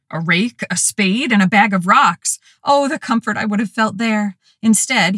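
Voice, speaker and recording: A woman narrating her own story as a first-person audiobook, telling it in an expressive, lively way. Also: mid-range voice, no echo, clean studio sound.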